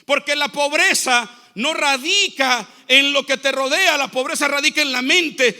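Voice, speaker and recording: High-pitched, bright-voiced preaching man. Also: a little slow. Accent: Central American Spanish. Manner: exhorting, repetitive preaching cadence. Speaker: pastor. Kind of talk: sermon.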